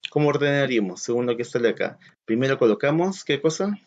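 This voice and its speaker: A man's voice: medium pitch, lively intonation, fast. A man teaching a recorded lesson to children, patiently counting aloud and posing questions to the class. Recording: slightly dull lo-fi audio.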